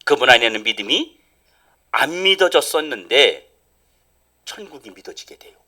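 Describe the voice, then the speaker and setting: A middle-aged male pastor preaching a sermon, swinging from loud emphatic lines down to near whispers. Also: mid-range voice, sing-song, moderate pace. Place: church sanctuary.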